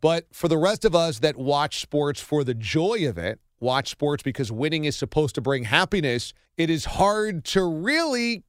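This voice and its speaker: A man's voice: fairly high pitch, very animated, normal speed, hardly any pauses, no room sound, studio quality. A man hosting a sports radio show, giving sarcastic, opinionated commentary.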